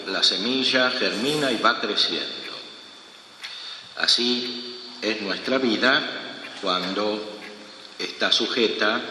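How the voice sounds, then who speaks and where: This priest has a fairly low, bright, forceful male voice, and he reads the Gospel before preaching a homily. He takes his time, speaking in a measured way with long pauses. The large church gives a long echoing reverb, and a faint room hum is audible.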